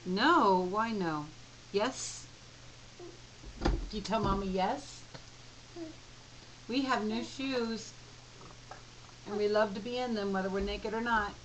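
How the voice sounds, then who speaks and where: A woman's voice: mid-range voice, takes it slowly, pauses often, a bit bright, a little hiss or hum, poor audio. A mother in a home video, coaxing her toddler with repeated sing-song prompts. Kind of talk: home video baby talk.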